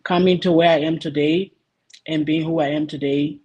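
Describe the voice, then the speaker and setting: A man from Liberia answering interview questions earnestly, pausing often with ums while he searches for words. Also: a little high, fairly even intonation, darkish tone, husky, poor audio. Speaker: guest, youth association vice president.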